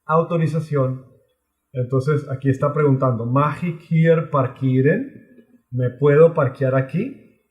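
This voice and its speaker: A man teaching an online language lesson, explaining patiently and slowly, often repeating phrases. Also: mid-range voice, darkish tone, echoey room. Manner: slow, patient explaining with many repetitions.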